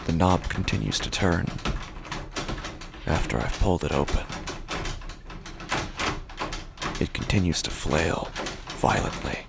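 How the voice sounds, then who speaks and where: A man with a low-pitched, creaky voice plays a narrator losing his mind in a horror audio drama. He speaks slowly and haltingly, frequently hushing to a whisper against loud music and heavy background noise, with a feeling of hushed dread.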